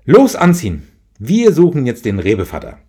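A man voicing a gentle caring mother. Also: fairly low pitch, lively intonation, fairly quick, husky. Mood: urgent. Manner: gentle and reassuring. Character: warm caring mother, adult woman.

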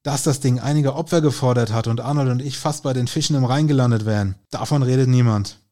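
A man voicing a brooding male police inspector who sounds gruff and weary. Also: mid-range voice, fast, dark tone, natural voice. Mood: bitter.

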